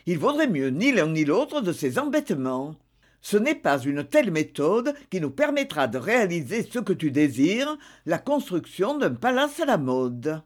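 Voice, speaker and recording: A woman's voice: on the low side, sing-song, moderate pace. Gloomy grumbling husband, read by a woman. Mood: weary. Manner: grumbling, hesitant. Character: worried older husband, grumbling and weary.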